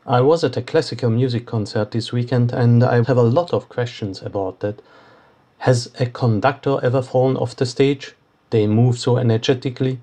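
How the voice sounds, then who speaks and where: A man's voice: mid-range voice, steady tone, normal speed, warm tone. A man from Austria, leaving a polite voicemail for a podcast and asking his questions one by one. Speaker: caller. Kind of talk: phone message to a podcast.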